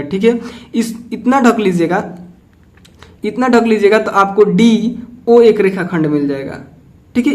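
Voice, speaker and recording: A man's voice: high-pitched, a little mellow. A young man from India, solving textbook maths exercises step by step and patiently checking in with his students. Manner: patient, repeats "ठीक है" and asks himself questions. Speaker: maths teacher.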